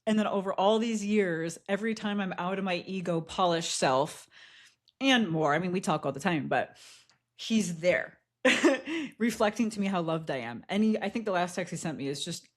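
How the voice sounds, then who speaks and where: A podcast co-host with a fairly low woman's voice. She tells a personal story candidly and reflectively. She laughs often and fills her speech with "like". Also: animated, normal speed. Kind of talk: casual chat, personal storytelling.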